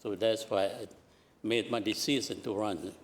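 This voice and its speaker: In a council meeting chamber, a retiring commissioner gives farewell remarks at a public meeting. He is an older man from southern Laos with a Lao accent and a lowish, steady voice, speaking haltingly and hesitantly and often restarting phrases.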